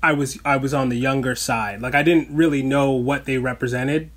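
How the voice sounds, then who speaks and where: A man's voice: medium pitch, fairly even intonation, moderate pace, fairly bright tone. A man in his forties from Canada, a guest on a podcast, speaking in a thoughtful, reflective way. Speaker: guest rapper. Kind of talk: podcast interview.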